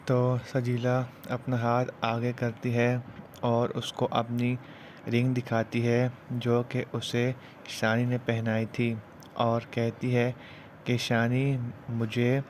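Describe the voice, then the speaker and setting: A man retelling the events of a TV drama episode in a steady, plain storytelling manner. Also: mid-range voice, a little hiss or hum. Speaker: drama recap narrator.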